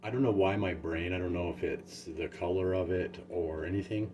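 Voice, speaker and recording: A man's voice: sits low, normal speed, muffled recording. A man hosting a casual home tasting vlog, talking in an easygoing, rambling way with many fillers. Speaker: home gardener reviewing peppers. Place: home and backyard garden. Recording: steady background noise.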